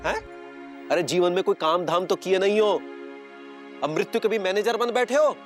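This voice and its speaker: An actor playing a preachy villager who scolds and lectures others, over background music. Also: male voice, sits high, moderate pace, natural voice. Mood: lecturing. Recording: background music under dialogue.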